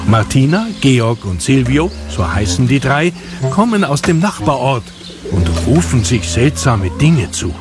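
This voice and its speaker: A man's voice: medium pitch, big pitch swings, a little slow. A man narrating a scripted children's story as the narrator. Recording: music behind the voice.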